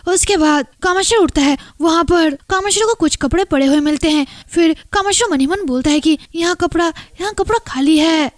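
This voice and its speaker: A woman's voice: high-pitched, no room sound, clean studio sound. A woman retelling a story plot as a channel host, steadily reporting each character's lines in turn. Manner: steady recap, reporting every line of dialogue. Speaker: story explainer.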